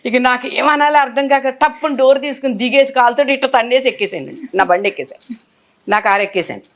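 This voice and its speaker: An older actress tells stories from her career with feeling, slipping into the voices of the people she quotes. Her voice sits a little high for a woman, and she keeps the tone of a long interview. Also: brisk. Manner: animated, acts out others' words in quotes. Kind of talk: emotional storytelling in an interview.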